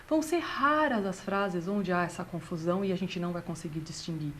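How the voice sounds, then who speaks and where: A woman, a language teacher patiently explaining grammar and slowing down to read out example sentences. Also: lowish voice, fairly bright tone, slight background noise. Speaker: German teacher.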